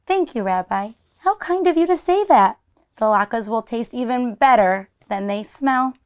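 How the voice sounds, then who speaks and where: A woman's voice: a little high, animated, unhurried, darkish tone, clear, resonant tone. A woman voicing a kindly, chatty elderly grandmother in a children's storybook, fussing and exclaiming as she hosts. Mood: welcoming, chatty.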